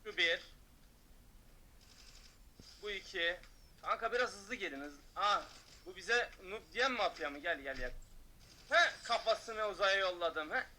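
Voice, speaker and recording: Brief: male streamer, loud mocking trash talk over gameplay, high and sharp-edged. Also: expressive, a little slow, pauses often, slight background noise. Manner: loud, taunting, mocking shouts. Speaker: gaming streamer. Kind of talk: excited gameplay commentary.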